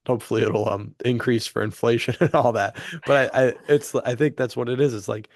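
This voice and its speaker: This man's voice runs on the low side, captured in studio quality with no room sound. Co-hosting a podcast, he chats with earnest enthusiasm and animated, slangy phrasing full of "dude" and "like."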